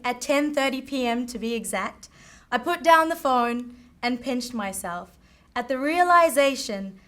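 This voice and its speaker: A woman's voice: high-pitched, fairly bright tone. Upbeat young South African woman presenting. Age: young adult. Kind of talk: live pitch presentation. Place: event stage before an audience.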